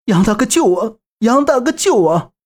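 Guy doing a high shrill young dude begging for help, voice jumps all over the place. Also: very animated, moderate pace, a little mellow, exaggerated voice. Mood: pleading. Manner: shrill, pleading then defiant. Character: panicky cheeky young man in trouble. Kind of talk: audiobook character voice.

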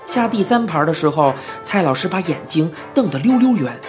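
Storyteller, Beijing-flavored, animated pitch, children's audiobook, faint music behind. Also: fairly quick. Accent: Beijing-flavored Mandarin. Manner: lively, expressive first-person telling with erhua.

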